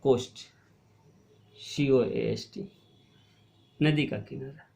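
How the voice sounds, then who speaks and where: A male teacher explaining a Hindi spelling lesson to young pupils, asking questions and answering them himself, and drawing out words slowly to show how they sound. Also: medium pitch, creaky, mellow. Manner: explains patiently, asks and answers his own questions; stretches and stresses words to show pronunciation. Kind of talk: online class lesson.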